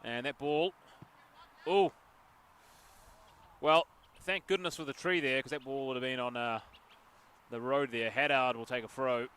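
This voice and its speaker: Bright-voiced football commentator. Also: male voice, mid-range voice, unhurried, pauses often, clean tone. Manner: chatty, jokey asides, excited bursts at chances. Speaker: match commentator. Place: outdoors at a local sports field. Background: passing traffic.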